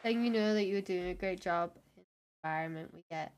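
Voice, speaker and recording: A woman's voice: fairly low pitch, quick pace, noisy background. A young woman co-hosting a casual game stream, chatting in a rambling way and reading out viewer messages. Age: young adult. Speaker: co-host.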